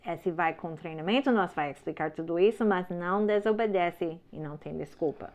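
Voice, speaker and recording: In an instructional talk, a woman teaches parents in a firm, simple way, often checking in with her listeners and using simple, slightly broken phrasing. Her voice is a little mellow and on the low side, at a moderate pace, and the lo-fi recording sounds slightly dull.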